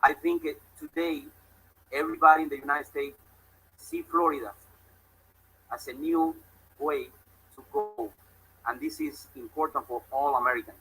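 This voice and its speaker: A man's voice: fairly high pitch, very animated, moderate pace, long pauses, a bit bright, slight background noise, poor audio. A man from Cuba, giving an emphatic, grateful public speech. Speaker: speaker at a public event.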